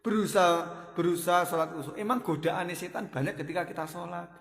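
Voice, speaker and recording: Male religious teacher, Javanese accent, fairly high voice, informal and questioning, reverberant room. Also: fairly even intonation, fairly quick, creaky, a bit bright. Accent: Javanese Indonesian. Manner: switches between Indonesian and Javanese, prompting listeners with questions. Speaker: Islamic study group teacher. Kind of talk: informal religious lesson with questions to students and chanted Qur'an verses. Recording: echoey, reverberant hall.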